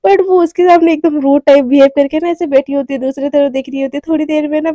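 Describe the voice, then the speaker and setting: A woman's voice: sits high, fairly even intonation, quick pace, mellow, no echo. A young woman telling a story in a chatty, informal way with many asides. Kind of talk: casual storytelling.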